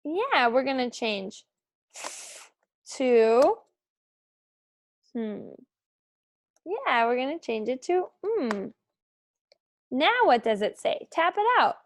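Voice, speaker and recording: Her voice sits high and swings widely in pitch as this young teacher runs a phonics lesson for young kids. She speaks slowly in a sing-song way, cheering them on with lots of praise.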